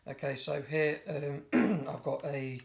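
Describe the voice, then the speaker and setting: Gravelly and croaky, this man speaks at a fairly high pitch and takes his time while demonstrating a recipe step by step. Relaxed and chatty, he frequently corrects himself mid-sentence, and the home video recording is noisy.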